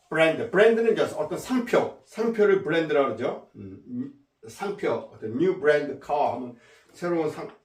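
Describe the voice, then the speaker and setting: A man teaching a lecture, often repeating words slowly to drill their pronunciation. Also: a little high, roomy sound, far from the mic. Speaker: English teacher.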